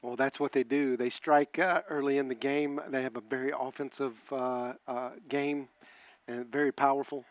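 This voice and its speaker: A man's voice: medium pitch, steady tone, normal speed. A man giving football color commentary in a broadcast booth, plain-spoken and hesitant, with many filler sounds.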